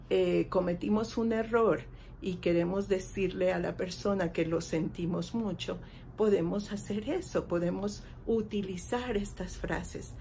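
A woman's voice: mid-range voice, a little mellow, a little hiss or hum. A woman with a Mexican Spanish accent, teaching an English lesson and patiently translating song lyrics phrase by phrase.

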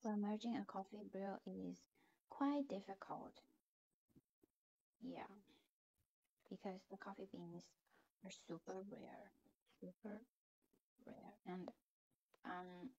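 A woman's voice: mid-range voice, warm tone, highs cut off. A woman narrating her mobile game play, thinking aloud with hesitant fillers and often dropping into a near whisper. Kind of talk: casual gameplay commentary.

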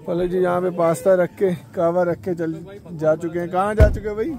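A man's voice: high-pitched, steady tone, a little fast, creaky, over music. A man in his forties filming and chatting at an outdoor campsite at night, joking and laughing often. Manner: jokey, laughs often, keeps up the banter. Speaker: vlog co-host. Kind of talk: casual vlog chat.

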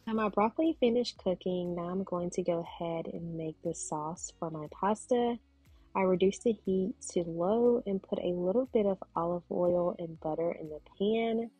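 A woman narrating her cooking video in voice-over, calmly explaining each step. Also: lowish voice, moderate pace, husky, dry recording, muffled recording, faint music behind. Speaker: cooking vlogger.

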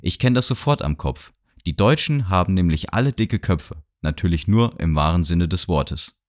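A man voicing a talkative middle-aged gentleman on a train who rambles and lectures cheerfully. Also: low voice, expressive, moderate pace. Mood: chatty. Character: chatty middle-aged gentleman traveler, boastful and nosy. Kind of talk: audiobook character voice. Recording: dry studio sound.

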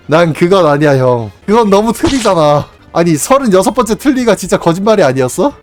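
A man's voice: high-pitched, sing-song, fairly quick, soft background music. A young man in his twenties, casually chatting on a live stream, teasing his viewers with playful mock outrage and frequent laughter.

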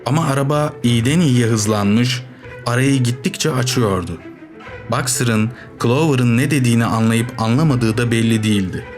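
A man reading a novel aloud as audiobook narrator, with steady, measured storytelling. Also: medium pitch, faint music behind. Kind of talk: scripted narration.

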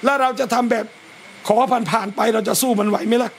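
High-voiced man giving a lively sermon. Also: a little fast, gravelly, a little hiss or hum. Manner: lively, talks straight to listeners and acts out scolding parents. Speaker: Islamic religious teacher. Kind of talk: religious lecture to a gathering. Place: a private home gathering.

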